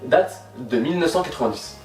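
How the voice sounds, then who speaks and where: A man's voice: mid-range voice, expressive, brisk, reverberant, recorded from a distance, over music. A man hosting a casual quiz, playful and joking about his own English pronunciation. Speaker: host asking quiz questions.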